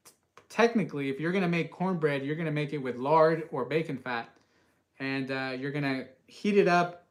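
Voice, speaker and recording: A man from the US West Coast hosting a live cast iron cooking stream, chatting casually and reading out viewer comments with many uhs. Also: on the high side. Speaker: cooking channel host.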